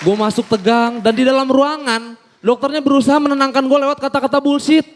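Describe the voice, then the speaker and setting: Animated high-voiced young comedian. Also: male voice, fairly quick, a crowd in the background, background noise. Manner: animated storytelling, acting out characters in shifting voices. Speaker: stand-up comedian. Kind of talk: stand-up comedy set.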